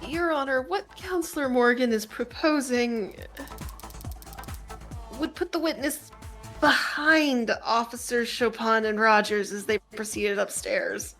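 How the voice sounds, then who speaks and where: A woman's voice: fairly high pitch, measured pace, fairly bright tone, soft background music. A woman reading a smug, sarcastic prosecutor aloud, firing off cutting retorts. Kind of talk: reading a courtroom visual novel aloud.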